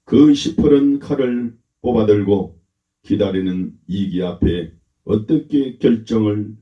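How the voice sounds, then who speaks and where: Slow, deep-voiced preaching pastor. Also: male voice. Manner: slow, emphatic preaching with calls for the congregation to repeat. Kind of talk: sermon. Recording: roomy, dull lo-fi church recording.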